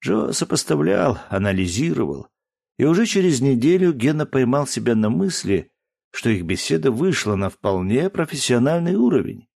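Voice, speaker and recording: A man reading a science fiction story as scripted narration, in a measured, expressive storytelling manner. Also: mid-range voice, vocal fry. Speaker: audiobook narrator.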